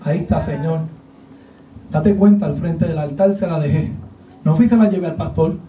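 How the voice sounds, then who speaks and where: A man from Puerto Rico with a Puerto Rican accent, preaching a sermon with animated, humorous storytelling. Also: fairly high pitch, normal speed, slight background noise. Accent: Puerto Rican Spanish. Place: large church hall. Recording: echoey church from a distant mic, dull lo-fi sound.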